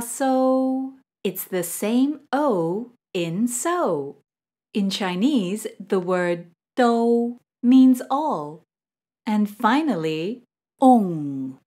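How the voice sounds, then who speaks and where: A woman teaching pronunciation as a patient instructor, modelling each sound clearly and adding playful asides. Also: mid-range voice, darkish tone. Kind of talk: slow, clear instructional narration.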